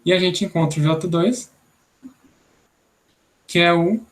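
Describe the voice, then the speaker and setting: Young man from Brazil, programming instructor, raised pitch, patient, thinks aloud. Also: slow pace. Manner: explanatory, thinks aloud, many "né?" tags. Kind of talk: online programming class.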